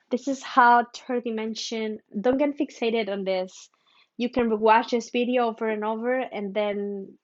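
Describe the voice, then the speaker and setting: A Mexican woman gives a spiritual teaching talk, speaking in a halting, thoughtful way with humming pauses. Her voice is fairly high with a darkish tone, and the recording is slightly muffled.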